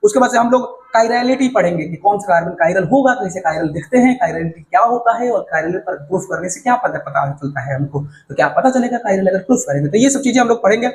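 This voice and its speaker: A male teacher walking students through a syllabus in a casual, fast-talking way, often checking that they follow. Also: sits high, lively intonation, poor audio. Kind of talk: casual syllabus walkthrough lesson.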